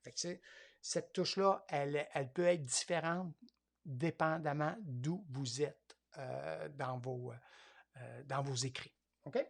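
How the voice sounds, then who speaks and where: Hesitant, gravelly man with a Quebec accent. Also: on the high side, slow. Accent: Quebec French. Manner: hesitant, thinking aloud, many fillers. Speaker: tablet course instructor. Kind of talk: live class demonstration.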